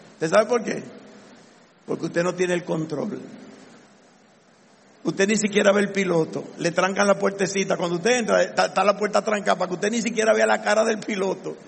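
A male pastor preaches with a very high, gravelly voice, acting out the people he quotes. His words ring with the long reverb of a church hall. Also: fairly bright tone. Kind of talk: sermon.

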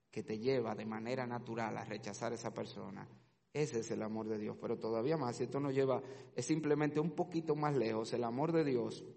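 A man delivers a sermon with great dynamic range, sinking to near-whispers and climbing to fervent shouts. His voice sits at an average pitch, and a long reverb trails behind him as if he is speaking in a large church hall. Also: vocal fry. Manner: dynamic preaching, swings from hushed to shouting. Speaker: preacher.

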